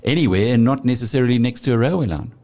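A man's voice: medium pitch, animated, very fast, mellow. A man hosting a business show, asking long conversational leading questions. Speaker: radio show host. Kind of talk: business interview.

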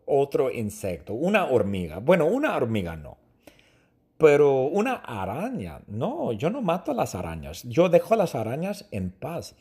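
A man giving a slow lesson, answering his own numbered questions and repeating phrases plainly. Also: mid-range voice, a little mellow, breathy edge. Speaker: language teacher. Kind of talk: slow Spanish lesson monologue.

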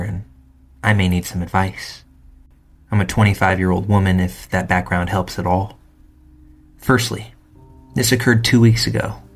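A man reading first-person true stories aloud in calm, measured scripted narration. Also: low voice.

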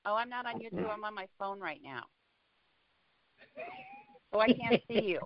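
A woman's voice: medium pitch, expressive, moderate pace. A woman who is a church elder, talking casually over a phone line in short, motherly replies. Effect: heard over a phone line. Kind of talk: casual group call. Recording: muffled phone call, distant.

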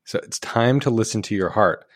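A man's voice: fairly low pitch, a little fast, dry recording, clean studio sound. A man co-hosting a podcast, casually retelling a movie plot with jokey asides. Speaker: podcast co-host. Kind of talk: casual movie recap chat.

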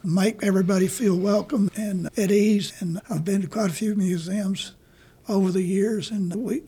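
An older man, an artist being interviewed, telling stories in a rambling, halting way. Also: high voice, steady tone, mellow, breathy edge. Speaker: artist guest. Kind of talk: casual interview talk.

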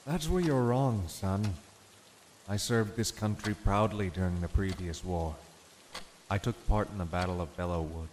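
An actor playing a stern older army doctor in an audio drama, questioning a soldier. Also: male voice, deep voice, normal speed, a little mellow, close to an everyday voice. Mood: indignant. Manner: stern, probing, then indignant. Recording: reverberant room with rain noise.

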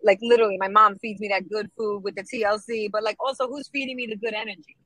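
A woman's voice: medium pitch, fast talker, no echo, rough recording. Upbeat woman comedian, dry close sound. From New York. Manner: lively, upbeat, drops Spanish phrases. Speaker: guest, comedian and producer. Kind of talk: casual interview chat.

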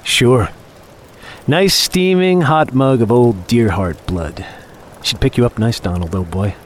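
A man's voice: medium pitch, slow, a little hiss or hum, natural voice. A man playing a younger office underling on a hunt, talking on with mock cheer, taunts and menace in a dramatic audio story. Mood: falsely chummy. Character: younger male office underling, falsely chummy, needling, menacing hunting companion. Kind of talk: dramatic audio fiction acting.

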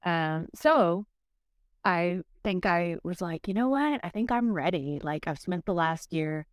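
Smooth-voiced woman telling a dating story. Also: lowish voice, slow, no room sound, clean studio sound. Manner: animated storyteller who laughs often. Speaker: podcast co-host.

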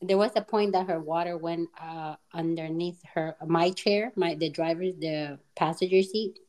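A woman's voice: lowish voice, steady tone, moderate pace, a little mellow. A woman co-hosting a podcast in casual chat, telling stories in a giggly, rambling way. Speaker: podcast co-host.

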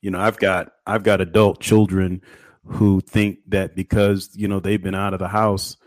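A man's voice: deep voice, normal speed, no echo. Man telling stories on a dry mic. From Illinois. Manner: storytelling, animated and emphatic. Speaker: pastor and panel host. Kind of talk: casual panel discussion.

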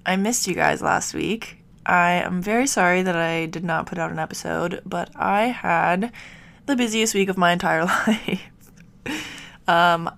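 A young woman with a slightly low, gravelly voice hosts her own podcast, answering listener questions in a chatty, relaxed way. She is a bit sick, so her voice comes out nasal, and her talk is full of ums and soft little laughs. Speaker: podcast host. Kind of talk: casual solo podcast Q&A.

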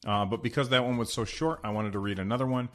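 A man's voice: mid-range voice, steady tone, quick pace. A man hosting a solo podcast, talking in a chatty, rambling way with many fillers, recorded in an echoey, half-finished room. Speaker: podcast host. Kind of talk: casual solo podcast talk. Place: unfinished home studio room.

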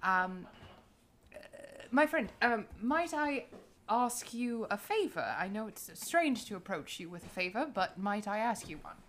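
A silver-tongued, overly courteous schemer who wraps every request in halting pleasantries, as a woman plays her at the table. A faint hum of noise runs underneath. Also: medium pitch, lively intonation, fairly bright tone. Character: polite, formal, scheming woman negotiator.

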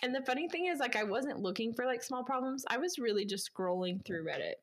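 A woman's voice: a little high, animated, fast. A woman co-hosting a casual podcast chat, laughing often and reading posts aloud. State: has the hiccups. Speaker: podcast co-host.

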